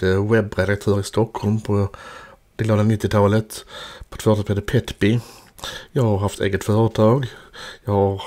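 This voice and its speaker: A man's voice: on the low side, warm tone. A man in his fifties from Sweden narrating a voice-over about his life and travels in a chatty, self-mocking way. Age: 50s. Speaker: vlogger.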